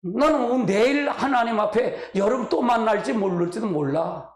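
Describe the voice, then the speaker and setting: Recorded in an echoey church hall, this male pastor delivers a sermon from the sanctuary at a normal speed, his voice sitting high. His speech is casual and emotional, punctuated by sighing exclamations.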